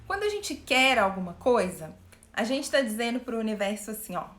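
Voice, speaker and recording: A woman coach speaking live to her viewers, animated, asking them questions and acting out what people say. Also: a little high, fairly quick, echoey room. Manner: animated, asks the audience questions, acts out quotes. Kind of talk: live-stream talk to viewers.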